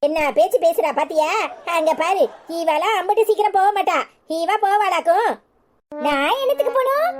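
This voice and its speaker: A woman voicing a bossy, sharp-tongued older mother-in-law in a cartoon, speaking with a Tirunelveli Tamil accent. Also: extremely high pitch. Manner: scolding, scornful, bossy.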